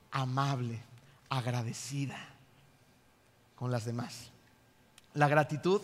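This is a pastor preaching a sermon with lots of energy, checking in with the congregation again and again through rhetorical questions. His voice sits fairly high for a man, and the long reverb of a church hall hangs behind him. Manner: animated, asks the congregation many rhetorical questions.

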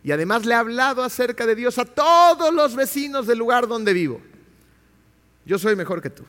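A man's voice: very high voice, animated, moderate pace, fairly bright tone, big-room sound, pitched above the performer's own voice. A man voicing a boastful, self-righteous male churchgoer who brags about his own piety. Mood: smug bragging. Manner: smug, bragging.

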